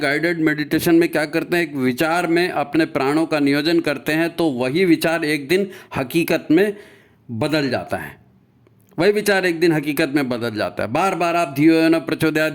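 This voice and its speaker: A man giving a spiritual talk on meditation, often repeating himself and asking rhetorical questions. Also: a little high. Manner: rhetorical questions and repetition, tagging "है ना?"; recites scripture and mantra lines. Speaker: spiritual speaker.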